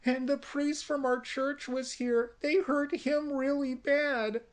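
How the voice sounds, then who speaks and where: A performer voicing a sweet, frightened teenage girl in a comic horror pitch, high and pleading. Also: fairly even intonation, slow pace. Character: young girl, sweet then possessed. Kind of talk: comic story pitch with voices.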